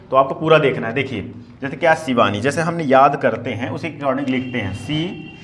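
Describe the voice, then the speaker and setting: A man's voice: medium pitch, a bit bright, a little hiss or hum. A male English teacher giving a classroom spelling lesson, asking questions and answering them himself while drilling words syllable by syllable.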